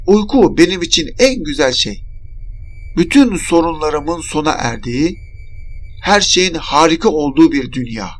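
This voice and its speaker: A man's voice: a little high, a bit bright. A man narrating a scripted horror story in a dramatic first-person reading.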